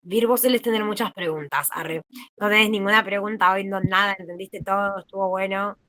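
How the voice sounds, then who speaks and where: A woman's voice: mid-range voice, fairly even intonation, brisk, pushed and bright. A young woman with an Argentine accent, a peer tutor explaining things in a chatty, easygoing way over a video call. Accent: Argentine Spanish. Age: young adult. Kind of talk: informal online study session.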